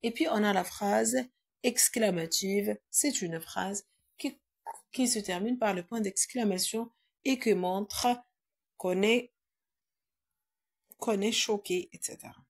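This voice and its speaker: A woman's voice: mid-range voice, takes it slowly, pauses often, slightly rough. A woman teaching a grammar lesson in a classroom, quizzing her pupils and repeating their answers.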